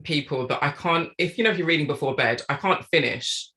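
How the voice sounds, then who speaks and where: A woman's voice: low voice, fairly quick, pushed and bright. A middle-aged woman, an author chatting reflectively as a guest on a live stream.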